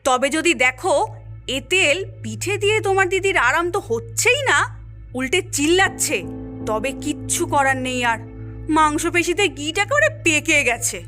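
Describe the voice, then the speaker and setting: A woman does cartoon voice acting as a scheming character who slyly coaxes gullible youngsters into mischief and instructs them. Her high voice is bright and forceful, with lively intonation at a moderate pace. Music plays behind her.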